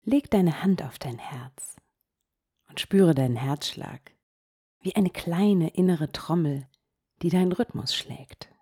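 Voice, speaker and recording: A woman with a low, mellow, breathy voice leads a guided meditation. She talks very slowly and softly and often drops into a near whisper. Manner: slow, soft-spoken, gently guiding, drops into whispers. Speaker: meditation podcast host.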